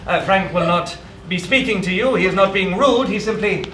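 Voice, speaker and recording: A man plays a brisk, bossy polar explorer captain who keeps chuckling, his voice high for a man. It sounds like a stage reading in an echoey hall, heard from some distance with music behind. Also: a bit bright, a little hiss or hum. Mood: jolly. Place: performance hall.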